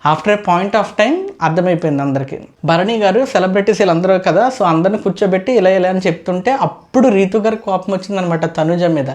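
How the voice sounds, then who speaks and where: A woman talks through a reality show episode at a rapid clip, her voice warm and mellow. She tells it like a lively story and slips into other people's lines as she goes. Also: fairly low pitch. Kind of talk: casual video review.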